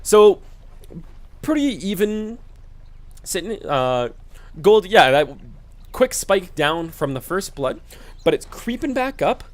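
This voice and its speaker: An esports commentator delivers solo play-by-play of a video game match in a laid-back, explanatory way, full of fillers, sounding sleepy and yawning. His voice sits high with big pitch swings, and he speaks slowly with long pauses.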